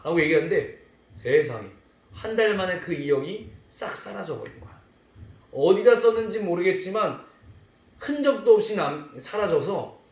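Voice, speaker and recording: A man preaching a children's sermon in an animated storytelling way, speaking to the children as friends. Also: high voice. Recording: echoey room.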